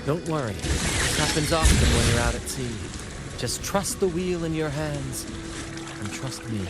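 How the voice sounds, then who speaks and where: An actor playing a self-assured, playful young seafaring adventurer in a video game, with a theatrical, teasing manner. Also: male voice, on the high side, unhurried, close to an everyday voice. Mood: calm, assured. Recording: loud music behind the voice.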